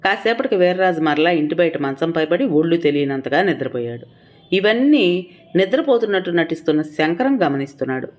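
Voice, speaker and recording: A woman storyteller giving scripted narration of an audio story in a steady, earnest way. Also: deep voice.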